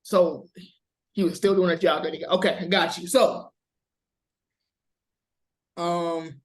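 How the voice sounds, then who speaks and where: Slow, hesitant man talking sports. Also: high voice, steady tone. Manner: hesitant, filler-heavy, measured. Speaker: podcast co-host. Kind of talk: casual sports talk.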